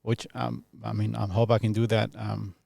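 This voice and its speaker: Man, 30s, from Iraq, podcast guest, reflective, frequent pauses, slightly deep, dry close sound. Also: level tone, creaky, mellow, dry recording. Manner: thoughtful, pauses often, laughs easily. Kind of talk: casual reflective interview talk.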